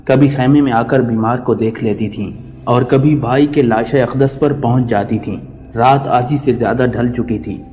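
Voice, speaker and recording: A man's voice: medium pitch, fairly even intonation, warm tone, big-room sound, a little hiss or hum. A man telling a mournful religious story in solemn, scripted narration.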